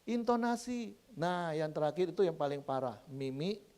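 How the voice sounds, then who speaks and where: A man preaching a lively, humorous sermon, often addressing the congregation and acting out quoted couples. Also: on the high side, normal speed. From Sumatra. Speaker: pastor.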